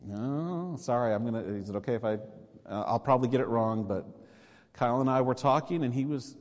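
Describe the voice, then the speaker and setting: A man's voice: mid-range voice, a little fast. A man preaching a sermon as pastor, earnest and conversational, pressing points with emphatic exhortations. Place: church sanctuary. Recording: long reverb of a church sanctuary.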